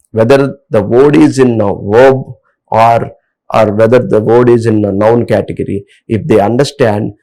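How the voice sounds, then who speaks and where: A man's voice: mid-range voice, creaky, darkish tone, poor audio. A man with an Indian English accent, explaining word stress in a hesitant lecture full of fillers. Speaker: English teacher. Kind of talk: lecture with slides.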